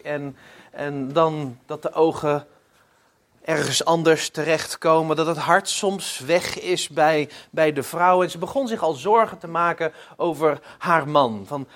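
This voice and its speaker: Guy giving a sermon, bit high-pitched, lots of restarts and repeats, lively storyteller. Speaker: preacher.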